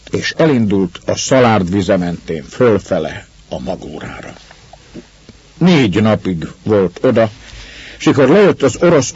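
A man reading a story aloud in measured, steady narration. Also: on the low side, husky, dry recording, highs cut off. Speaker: audiobook narrator.

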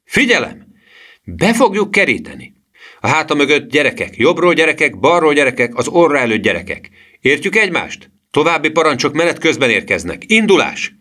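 A man with a deep voice voicing a bossy boy who leads a gang and shouts commands, in a storybook reading. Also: lively intonation, few pauses. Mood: commanding. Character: bossy boy gang leader barking orders.

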